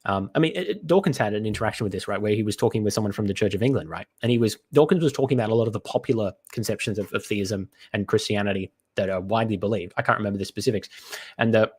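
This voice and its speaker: A man with a congested, stuffy-nosed voice gives unscripted reaction commentary, halting and often restarting as he thinks aloud. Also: lowish voice, breathy edge. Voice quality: stuffy nose from being sick. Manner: hesitant, halting, digressive with many restarts. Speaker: commentator reacting to apologetics content.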